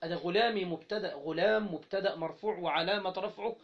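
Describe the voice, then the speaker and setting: In a dull, lo-fi recording, a man with a fairly high voice and an Egyptian Arabic accent runs an interactive grammar lesson. He leaves gaps for students to fill, prompting them to finish his sentences, and says example words slowly.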